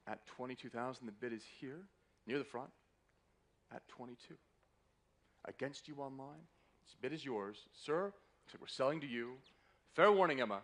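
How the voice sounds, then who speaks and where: His voice mid-range and a bit bright, a fine art auctioneer runs a live sale in a hotel's auction room. He keeps up a polite, courteous patter that repeats each bid.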